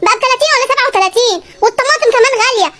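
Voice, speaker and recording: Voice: very high voice, animated, bright, forceful tone, a little hiss or hum, heavily acted. A comic performer voicing a stingy, nagging husband with an Egyptian accent, haggling over every kilo in a sketch. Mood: scolding. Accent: Egyptian Arabic. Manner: scolding, haggling, fast-talking. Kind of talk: comedy sketch dialogue.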